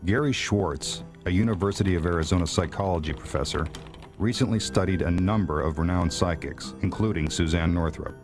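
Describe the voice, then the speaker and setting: Deep male documentary narrator over music. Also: a little fast. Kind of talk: scripted investigative narration. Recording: voice-over with prominent music underneath.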